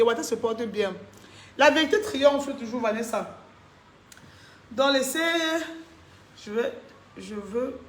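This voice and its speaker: A woman's voice: mid-range voice, roomy sound. A woman, chatting casually on a live stream, reading comments and answering viewers, laughing often.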